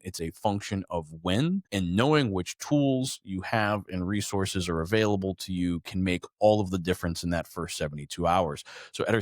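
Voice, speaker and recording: A male podcast host with a fairly low voice opens the show and introduces his guest in a friendly, upbeat way. The sound is dry and close. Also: no echo. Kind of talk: casual interview hosting.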